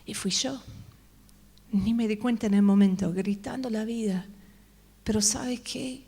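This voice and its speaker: A woman's voice: medium pitch, steady tone, warm tone, slightly rough. A woman speaker at a church conference, telling her personal testimony as a sermon in a reflective storytelling manner, often checking in with the audience. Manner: slow, reflective storytelling with tag questions.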